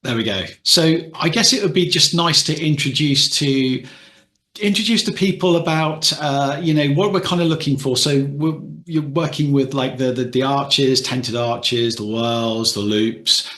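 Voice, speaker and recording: A man's voice: mid-range voice, a little slow, bright, forceful tone. Hesitant male host in a roomy space. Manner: hesitant, rambling, many restarts. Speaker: podcast host. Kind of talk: casual interview questions.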